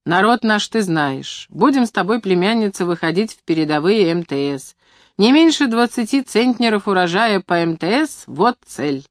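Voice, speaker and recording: A woman's voice: animated, normal speed, dry recording, clean studio sound, natural voice. A woman reading as a pushy male station chief. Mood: insistent. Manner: pushy, insistent, booming with enthusiasm. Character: bossy middle-aged male farm station director.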